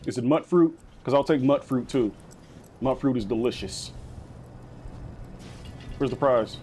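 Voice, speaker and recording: A man's voice: mid-range voice, unhurried, darkish tone, soft background music. Rambling slangy young man gaming. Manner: rambling, slangy, keeps saying bro. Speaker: gaming video host. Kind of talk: casual let's-play commentary.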